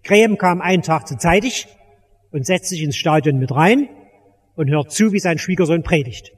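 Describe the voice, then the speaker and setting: A man's voice: on the high side, lively intonation, moderate pace, slightly rough. A man preaching an evangelistic sermon in a church, urgent and emphatic, speaking straight to each listener. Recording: reverberant church hall.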